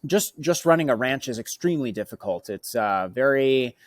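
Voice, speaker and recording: A relaxed man in his thirties, from Norway, tells his story as an interview guest. He speaks at a middling pitch, pausing on fillers and restarting phrases as he goes. The sound is dry and close to the mic. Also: dry recording. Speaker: bison rancher, guest. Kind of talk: casual interview talk.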